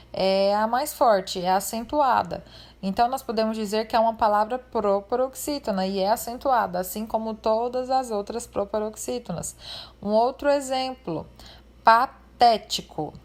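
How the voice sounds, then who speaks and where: A woman's voice: a little high, darkish tone. A woman teacher, giving a remote class lesson in a friendly way and explaining step by step.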